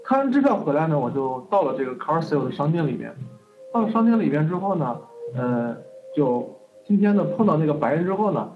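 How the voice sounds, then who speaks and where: A man lecturing, telling a personal story in an animated way and often tagging his sentences with "OK". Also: on the high side, a little fast. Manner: animated, peppers speech with "OK". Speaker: lecturer on going abroad. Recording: phone-like narrow band with faint music.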